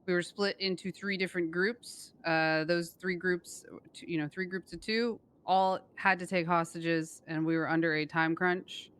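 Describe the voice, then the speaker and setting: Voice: medium pitch, little pitch movement, moderate pace, hardly any pauses, a bit bright, smooth. A person role-playing a gang member in a crime game, explaining in a hesitant, conciliatory way. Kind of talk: improvised role-play in an online crime game.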